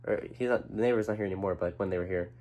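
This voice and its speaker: A man's voice: deep voice, very fast, darkish tone. A young man talking to camera about his own feelings, earnest and rambling, with restarts and casual swearing. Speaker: vlogger. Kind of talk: personal talk to camera.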